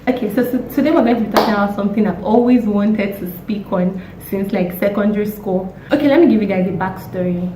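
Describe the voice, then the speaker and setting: A young woman, hoarse from a cold, chatting casually and emphatically as a vlogger with exasperated rhetorical questions. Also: medium pitch, fast, few pauses. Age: young adult. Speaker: YouTube vlogger. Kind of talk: casual opinionated chat. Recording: roomy echo, distant mic, faint noise.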